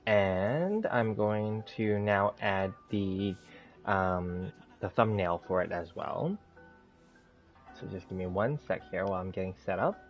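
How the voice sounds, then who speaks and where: Low-pitched and slow, a man casually hosts a gameplay livestream, talking himself through each step in a rambling manner. He lisps slightly, as though he had just bitten his tongue, and the dull, lo-fi recording carries background music.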